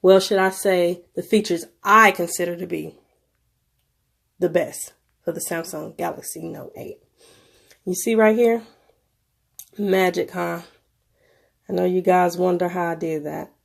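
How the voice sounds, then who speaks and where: Congested low-pitched woman, gravelly. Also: steady tone, unhurried, pauses often. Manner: informal, conversational. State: sick with a cold, stuffy nose. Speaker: video presenter. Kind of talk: casual tech review narration.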